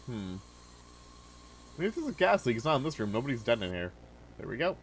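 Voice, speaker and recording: A young man casually commenting on a game he is playing, relaxed and chatty, with many filler words. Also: medium pitch, brisk, slight background noise, rough recording. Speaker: gaming video host. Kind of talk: casual let's-play commentary.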